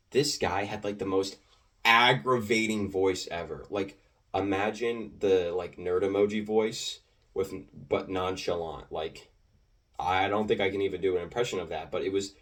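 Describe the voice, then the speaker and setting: A teenage gaming video creator with a slightly low voice tells stories about his online matches in a loose, rambling way. He jumps between thoughts, fills gaps with ums, likes, and restarts, and grows animated as he goes, while the mic picks him up from a little distance.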